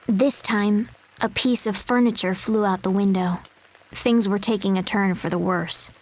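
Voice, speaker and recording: A woman voicing a timid little animal who poses as a girl, narrating a game story in a soft, measured way. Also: mid-range voice, fairly even intonation, close to an everyday voice, poor audio. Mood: wistful.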